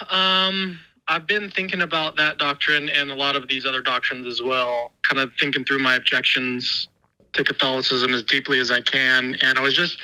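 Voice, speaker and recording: A man's voice: fairly high pitch, bright, forceful tone, clean tone, poor audio. Man calling in over speakerphone. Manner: thoughtful, hesitant, many "like" fillers. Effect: heard over a speakerphone. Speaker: guest calling in. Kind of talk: casual call-in conversation. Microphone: phone call played over speakerphone.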